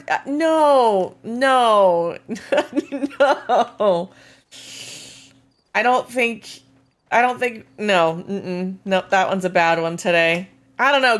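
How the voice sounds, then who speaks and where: A woman with a slightly hoarse, gravelly, somewhat high voice, seemingly losing it, chats casually with viewers on a game live stream as she reads and answers the chat.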